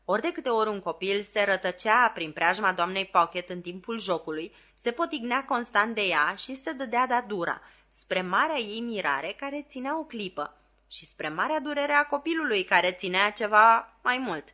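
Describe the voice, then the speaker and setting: A woman reading a classic novel aloud as an audiobook, with clear and expressive storytelling. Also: mid-range voice. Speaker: audiobook reader.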